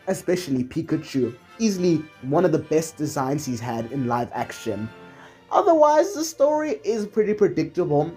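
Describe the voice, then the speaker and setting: A video essayist offers scripted movie commentary in a conversational style, dropping casually wry asides. The voice is medium-pitched, dark in tone, and slightly husky.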